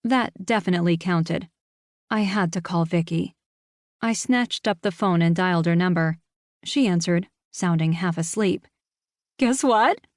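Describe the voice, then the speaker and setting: Woman reading a first-person cozy mystery, lively and self-mocking, low-ish pitch, dry studio sound. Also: moderate pace, no echo. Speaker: audiobook narrator.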